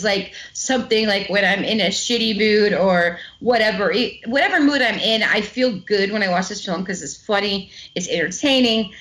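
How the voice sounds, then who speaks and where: A woman hosts a casual film discussion podcast in a chatty, relaxed way. She swears freely and laughs easily as she talks. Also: medium pitch. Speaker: podcast host.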